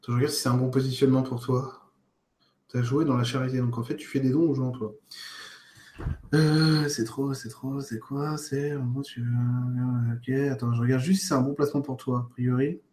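A man talks through viewer questions in a loose, off-the-cuff way, filling pauses and restarting sentences while speaking to each person directly. His voice sits at an ordinary middle pitch. The room around him is echoey and live. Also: steady tone, darkish tone. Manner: spontaneous, thinks aloud with many fillers and restarts. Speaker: spiritual coach answering viewer questions. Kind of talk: casual livestream Q&A. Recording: roomy echo.

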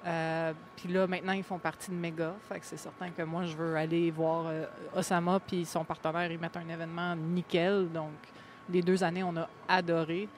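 A woman's voice: lowish voice, little pitch movement, normal speed, a little hiss or hum. A woman with a Québécois accent, a guest answering interview questions in a casual, talkative way with lots of fillers. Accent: Québécois French. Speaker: guest, gaming media host.

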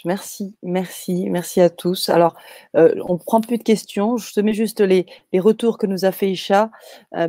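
Low mellow woman hosting a live session. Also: dry recording, studio quality. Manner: calm, reads out audience messages. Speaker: host.

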